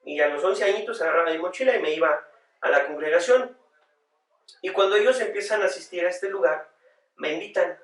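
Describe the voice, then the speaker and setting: A man who is a pastor, telling his personal story as a podcast guest in a reflective, earnest way, often pausing on filler words. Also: sits high, fairly bright tone. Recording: roomy sound, voice far from the mic.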